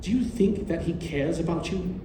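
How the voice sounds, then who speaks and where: A man's voice: a little high, moderate pace, lightly acted. A man playing a formal, controlling doctor and guardian in a stage play, genteel and authoritative. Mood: stern. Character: genteel, controlling doctor, uncle to orphan girl. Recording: distant, roomy stage recording, faint noise.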